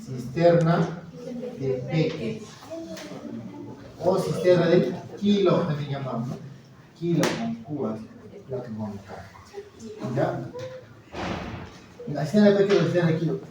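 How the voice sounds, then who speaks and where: Male lecturer, fairly high voice, questions the class constantly; recorded far off in a reverberant room. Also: animated, a little slow, long pauses, background noise. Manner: quizzing, encouraging, frequent "muy bien" and "¿ya?". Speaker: anatomy lecturer. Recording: echoey lecture hall, mic far off, students audible. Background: students murmuring and answering.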